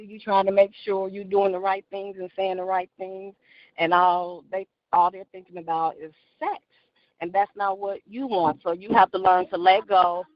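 A woman's voice: mid-range voice, no room sound. An older woman calls in to a radio show, and her voice reaches the studio over a phone line. She talks earnestly and casually, circling back with repeated phrases. The sound is muffled and dry, with no room around it. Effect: voice heard over a phone call. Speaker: radio call-in caller. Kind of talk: casual call-in chat.

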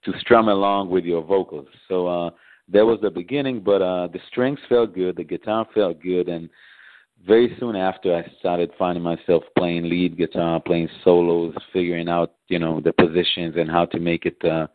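A man from Israel, a guest musician, answering interview questions casually in a soft, halting way with many fillers. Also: low-pitched, fairly even intonation, no echo. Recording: dry, tinny phone-like line.

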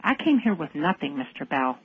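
A woman calling into a radio talk show, speaking in an intense, deliberate and defiant way. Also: sits low, big pitch swings, husky. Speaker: caller. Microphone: phone. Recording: tinny phone line.

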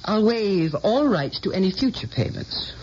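A woman's voice: medium pitch, very animated, normal speed, a little mellow, slight background noise, lightly acted. Woman doing a stubborn determined lady in a radio play, sounds kinda dull and old. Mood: insistent. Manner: insistent, stubborn. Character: determined woman pressing a photographer.

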